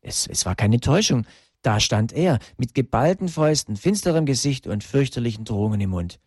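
A man narrating a story slowly and emotively, with dramatic pauses. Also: fairly low pitch, vocal fry, darkish tone, slightly rough, no echo, studio quality.

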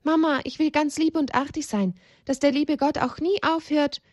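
A woman's voice: high-pitched, fairly even intonation, moderate pace, darkish tone, no echo, voice pushed up, lightly acted. A woman voicing a small, timid young animal boy in a children's storybook, pleading and tearful.

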